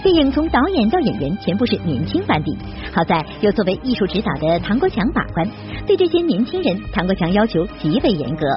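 Lively, quick female entertainment news narrator. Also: mid-range voice. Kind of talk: scripted narration. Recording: slightly dull sound over loud music.

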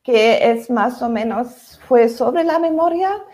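A woman with a fairly high voice speaks at a very slow pace. She has a foreign, non-native accent in Spanish and searches for her words as she explains her writing in a panel discussion. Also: lively intonation, a little mellow. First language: not Spanish. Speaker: novelist, panel guest.

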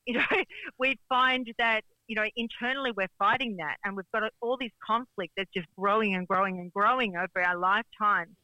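Woman radio guest, very bright and crisp tone, earnest and reflective, dry sound. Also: medium pitch, moderate pace, no echo, poor audio. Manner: earnest, reflective, with small laughs. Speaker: guest, coach. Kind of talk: radio interview.

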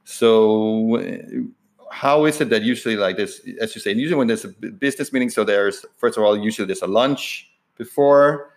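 Low-voiced man, halting phrasing. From Denmark. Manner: halting, searches for words, rephrases mid-sentence. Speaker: interviewer, host. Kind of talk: conversational interview.

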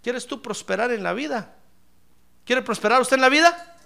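A man's voice: very high voice, animated, normal speed, creaky, bright, forceful tone. A man preaching a sermon in church, emphatic and ironic, often calling his listener brother. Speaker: pastor.

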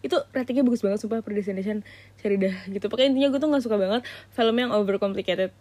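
A woman's voice: medium pitch, rapid-fire, a little mellow, no room sound. A woman hosting a solo podcast, chatting in a slangy, gushing way with lots of fillers. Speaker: podcast host. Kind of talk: casual solo podcast chat.

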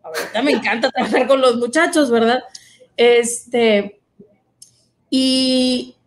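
A woman appearing as a guest earnestly shares her vocation story in conversation, using many fillers. Her voice is a little high and slow.

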